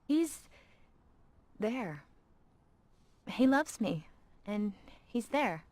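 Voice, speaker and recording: A woman's voice: on the high side, big pitch swings, extremely slow, a little mellow, no echo, full character voice. An actress playing a guarded young woman, the hero's old flame, in a video game. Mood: guarded, wry.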